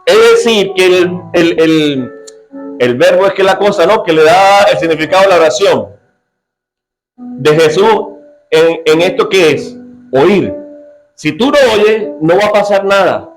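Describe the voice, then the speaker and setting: A man's voice: high-pitched, measured pace, soft background music, rough recording. A man preaching a sermon to a church congregation, joking and often asking the listeners questions. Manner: lively, joking preacher who quizzes his congregation. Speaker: pastor.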